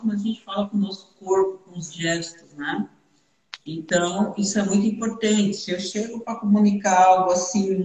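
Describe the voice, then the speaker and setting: A woman's voice: mid-range voice, a little mellow. Reflective Brazilian woman in an echoey room. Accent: Brazilian Portuguese. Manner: reflective, loose, tags sentences with a questioning "right?". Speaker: co-host, hypnotherapist. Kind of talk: casual live-stream chat. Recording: roomy echo.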